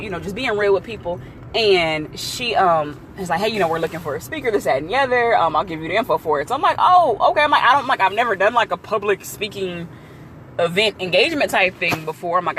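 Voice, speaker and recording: A young woman, chatting excitedly in a casual live video about her church class and business, full of likes and ums. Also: fairly low pitch, a little hiss or hum.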